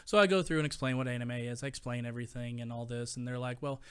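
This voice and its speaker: A man's voice: mid-range voice, fast talker, fairly bright tone, slight background noise. A young adult man hosting a live stream, telling stories to his chat in a chatty, rambling way with lots of fillers. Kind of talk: casual storytelling to a live chat.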